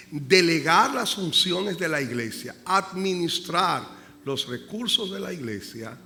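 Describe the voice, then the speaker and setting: A male pastor preaching a sermon with passion. He swings from hushed prayer to loud emphasis and repeats phrases to drive them home. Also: a little high. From Dominican Republic. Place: church sanctuary. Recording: live church recording with long reverb and faint room noise.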